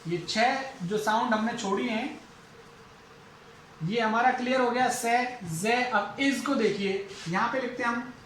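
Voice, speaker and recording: Slow, repetitive Indian male teacher. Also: extremely high pitch, fairly bright tone, echoey room, slight background noise, poor audio. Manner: slow, repeats each example several times. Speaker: English teacher. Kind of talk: classroom phonetics lesson.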